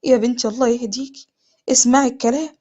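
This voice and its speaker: امرأة تؤدي دور أم أكبر سنًا تقنع ابنتها بالزواج، بلهجة مصرية ونبرة ملحّة. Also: female voice, a little high, steady tone, fast talker, dark tone, dull audio, close to an everyday voice. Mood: coaxing. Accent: Egyptian. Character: older mother, pushing her daughter to marry.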